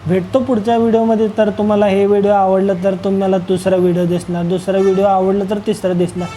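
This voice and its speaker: A man's voice: sits high, little pitch movement, quick pace, dark tone, soft background music, poor audio. A young man from Solapur, narrating a travel vlog in a rambling, joking way and addressing viewers as friends. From Solapur, Maharashtra. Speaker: travel vlogger. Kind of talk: casual travel vlog voice-over.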